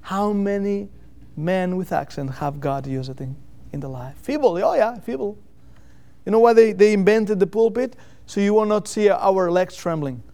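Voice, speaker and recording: Preaching earnestly in his second language, English, a missionary from Catalonia, Spain, speaks with a Catalan accent and repeats key phrases for emphasis. He chooses deliberate, emphatic phrasing in a rhetorical style. His voice is high, expressive and warm.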